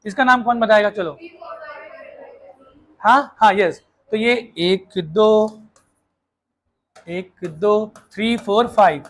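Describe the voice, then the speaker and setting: Brisk, coaxing male chemistry teacher. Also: high voice. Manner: brisk, coaxing, quizzes the class and urges them to hurry; mixes Hindi with English terms. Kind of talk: classroom lecture.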